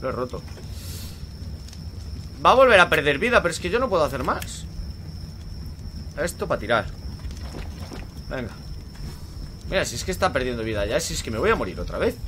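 An animated young man from Spain with a Spanish accent, talking through his gameplay in a bright, fairly high voice that swings widely in pitch. He swears freely, grumbles at the game and breaks into loud panicked shouts. A faint hiss sits under the recording. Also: moderate pace, long pauses. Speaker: gaming channel host. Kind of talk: casual gameplay commentary.

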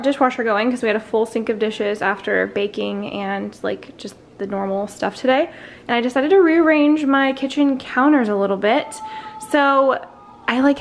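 A woman's voice: high voice, slight background noise. Chatty young woman talking through her kitchen. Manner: chatty, rambling with fillers. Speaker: vlogger. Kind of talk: casual cook-with-me narration. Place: home kitchen.

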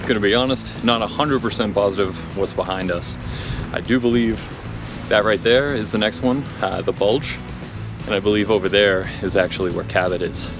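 Man in his thirties, hiking vlog, chatty and easygoing, lower voice, action camera outdoors, music playing under the talk. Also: normal speed. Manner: easygoing, chatty, thinks aloud with fillers. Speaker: hiker vlogger. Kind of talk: casual trail vlog narration. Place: outdoors on forested mountain trails. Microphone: action camera on a handheld pole.

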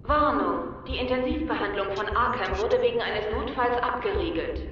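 An actress voicing a stern adult female alarm announcer who issues formal, commanding warnings over a public address loudspeaker. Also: on the high side, animated, normal speed, dull audio, a little hiss or hum. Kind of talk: video game voice acting. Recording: echoey distant loudspeaker in a hall. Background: game music.

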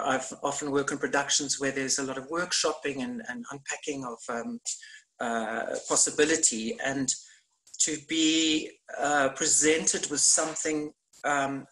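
A man's voice: medium pitch, a bit bright, low-quality recording. A middle-aged man, a theatre maker, speaking on a video call panel from a room at home, thoughtful and hesitant with many fillers. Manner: gestures widely while talking. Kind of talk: online panel discussion. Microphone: laptop webcam on video call.

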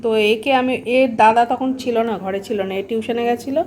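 A woman's voice: fairly high pitch, a little fast, slight background noise. Chatty woman filming a home pet vlog. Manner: chatty, keeps checking in with the viewer; coos softly to the pets. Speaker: pet vlogger. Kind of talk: casual home vlog chat. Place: home indoors.

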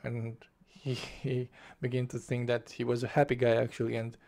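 Here a young man whose native language is Romanian talks through a book in a relaxed review, seated in his small bedroom at a desk mic right in front of his face, framed for webcam. The voice is mid-range and darkish, monotone, at a moderate pace. For all that, he's passionate, gesturing with both hands and starting phrases over.

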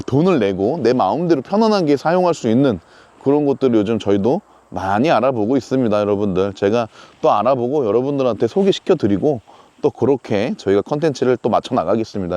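A man's voice: medium pitch, mellow. A man talking casually to camera in a camping vlog, chatty with lots of fillers and strong opinions. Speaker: camping vlogger. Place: outdoors at a campsite.

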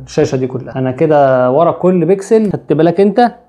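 A man's voice: on the high side, animated, fast, mellow. A young man with an Egyptian Arabic accent, explaining phone screens in a joking, chatty way and teasing the listener with street slang. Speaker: tech channel host. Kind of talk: comic tech explainer.

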